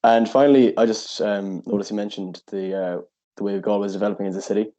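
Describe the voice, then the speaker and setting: A man's voice: fairly low pitch, fairly even intonation, fast talker, dark tone. A man asking informal interview questions in a slightly muffled recording. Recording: slightly dull, muffled sound.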